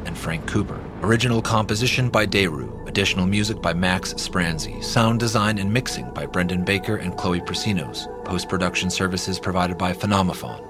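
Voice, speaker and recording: A man reading the closing credits in a measured, even way. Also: deep voice. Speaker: credits announcer. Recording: music bed behind voice.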